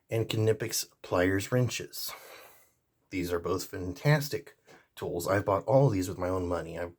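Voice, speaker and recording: A man talks through pocket tools in an easygoing, rambling vlog, stopping and restarting his thoughts. His voice sits low and sounds a little husky. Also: a little mellow. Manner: jokey sign-off. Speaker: vlogger reviewing pocket pliers. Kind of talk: casual product review.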